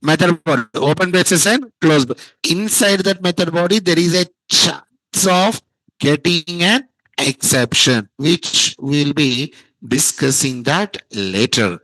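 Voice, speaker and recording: A man's voice: fairly high pitch, slow pace, pushed and bright, dry recording, rough recording. Guy teaching coding, keeps quizzing the class and repeating stuff, dry sound. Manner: quizzing students, repeats key terms. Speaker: programming teacher. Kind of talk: classroom lecture.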